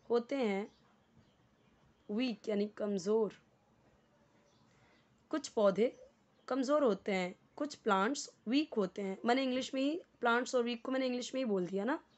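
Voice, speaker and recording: An Indian woman teaching a beginner's English lesson, mixing Hindi and English, reading English slowly and explaining each word. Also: a little high, darkish tone. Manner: slow, deliberate when reading English, quicker in Hindi explanations; explains word by word, repeating for learners.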